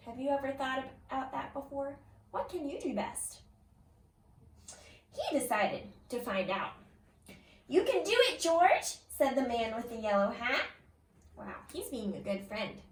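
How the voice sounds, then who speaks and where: Reading a picture book aloud to young children, a woman kindergarten teacher moves slowly through the story, her high voice rising and falling with exaggerated expression. She keeps stopping to ask the little listeners questions. Heard from far off, the sound is roomy and echoing.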